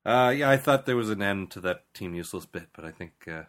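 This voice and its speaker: A man's voice: on the low side, animated, fast talker. A man co-hosting a casual podcast chat, joking and laughing often as he talks. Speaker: podcast co-host.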